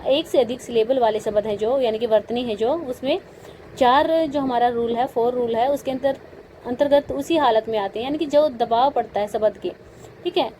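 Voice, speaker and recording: A woman's voice: fairly high pitch, dark tone, a little hiss or hum, rough recording. A woman teaching an English spelling lesson, asking rhetorical questions and spelling words out letter by letter. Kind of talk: spoken grammar lesson.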